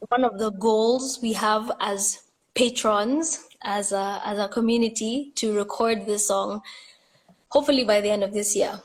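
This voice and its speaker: A woman chatting as a guest singer-songwriter on a live stream, soft-spoken and hesitant, feeling cold and shivering. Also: mid-range voice, fairly even intonation, a little slow. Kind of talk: casual chat. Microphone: phone on a live stream.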